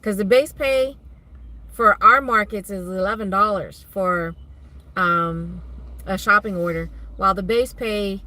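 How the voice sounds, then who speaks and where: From inside a car, a woman vlogger runs a casual live stream, chatting with her viewers and reading their comments out loud as she goes. Her voice is medium in pitch with a sharp edge, and she speaks a little slowly.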